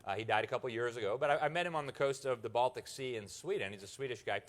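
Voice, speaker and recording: A man's voice: medium pitch, rapid-fire. A man from the United States giving a conference speech, with mocking, sarcastic asides. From United States (Miami). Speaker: journalist giving a conference talk.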